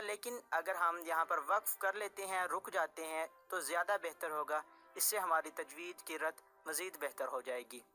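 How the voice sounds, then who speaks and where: A teacher gives a tajweed lesson in a clear, bright voice. The delivery is patient and repetitive, and each rule is restated several ways. Faint music sits quietly under the talk. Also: medium pitch. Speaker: Quran recitation teacher.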